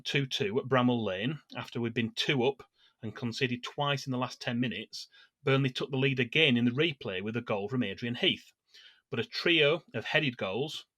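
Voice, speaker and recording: A man co-hosting a fan podcast, reading his notes in an even, measured way. His voice sits in a middle register and the sound is dry and close, with no room around it. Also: medium pitch, dry recording. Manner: measured, steady delivery of scripted match history with small hesitations. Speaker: podcast co-host.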